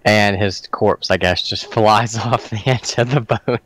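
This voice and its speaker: A man with a somewhat low voice playing a tabletop game. He drawls slowly and sounds amused as he talks through his turn. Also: steady tone, a bit bright. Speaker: player. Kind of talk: casual tabletop game chat.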